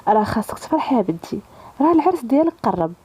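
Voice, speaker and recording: A woman's voice: a little high, big pitch swings, very fast, darkish tone, breathy edge. Woman doing a pushy Moroccan mother. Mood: urging. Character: excited middle-aged mother.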